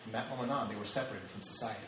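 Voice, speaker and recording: A man's voice: fairly low pitch, racing, noisy background. A man in his thirties preaching a sermon, emphatic and repeating phrases for stress. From United States. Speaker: pastor. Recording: echoey hall with faint ambience.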